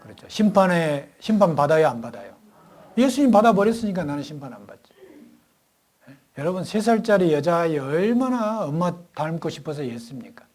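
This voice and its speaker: A man preaching a sermon, firing call-and-response questions at the congregation and telling stories animatedly, swinging between loud and hushed. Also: on the high side, big pitch swings, fairly quick. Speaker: pastor. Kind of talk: sermon at a Bible lecture.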